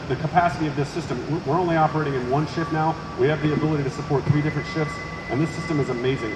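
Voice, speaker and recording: A man from Oklahoma, a company executive, answering press questions with quick speech full of restarts and fillers. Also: fairly high pitch. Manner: fast, with many restarts and fillers. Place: inside a large warehouse. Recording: echoey warehouse with loud machine hum.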